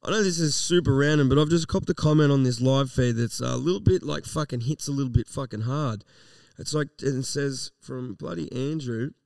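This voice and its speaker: An Australian man chats as a podcast co-host in a laid-back, sweary, slangy way. His voice is smooth with a crackle of fry in it, picked up a little way from the mic. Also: mid-range voice, fairly quick, darkish tone, no room sound, far from the mic. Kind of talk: casual live podcast chat.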